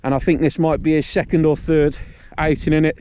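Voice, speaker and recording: A man with a fairly high voice talks in a matey, jokey, sweary way, like a camping vlogger addressing his followers. He is out on a windy hillside, with clear wind and outdoor noise around his casual chat. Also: level tone, brisk, mellow.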